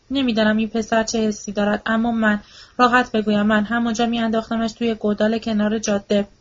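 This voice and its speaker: A woman's voice: on the high side, close to an everyday voice. A woman reading the part of a desperate, grieving old widow who pleads and repeats herself, in a storybook reading. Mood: bitter. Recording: dull lo-fi audiobook recording.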